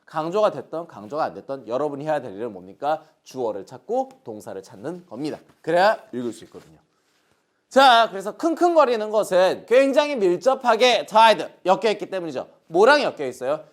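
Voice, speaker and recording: A man's voice: a little high, sing-song, a little fast. A Korean man teaching an English grammar lesson online, asking questions and answering them himself while pointing things out on the board. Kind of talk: online lecture.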